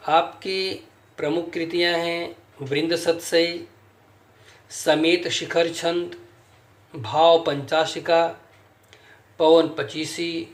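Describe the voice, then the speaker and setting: A man teaching a class lesson, speaking slowly and spelling out sounds and counting syllables aloud. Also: a little high, roomy sound. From India. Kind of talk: slow classroom lecture.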